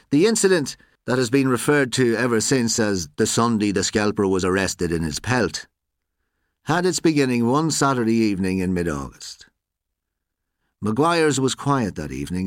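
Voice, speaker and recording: A man narrates a story with a low voice that rises and falls a lot. He reads in a measured, expressive way, and the recording is dry and close, with no room sound. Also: dry recording. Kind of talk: scripted story reading.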